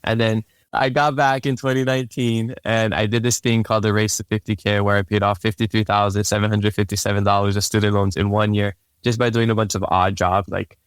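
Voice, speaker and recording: Brisk and with few pauses, a young man from Hawaii tells his life story on a podcast in a lowish, smooth voice captured with dry, studio-quality sound. Hawaiian is his first language, and despite the pace he stays laid-back and relaxed, repeating words as he begins sentences.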